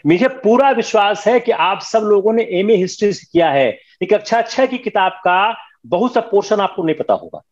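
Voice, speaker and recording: Brief: older male lecturer, high lively voice, stern classroom manner, dull lo-fi recording. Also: normal speed, hardly any pauses. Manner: firm, scolding, mixes Hindi with English. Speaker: history teacher.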